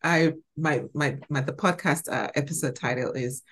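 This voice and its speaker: A woman hosting a faith podcast, chatty and quick to laugh. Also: low voice, slight background noise. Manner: laughs often, chatty and bubbly. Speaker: podcast host. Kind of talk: casual podcast chat.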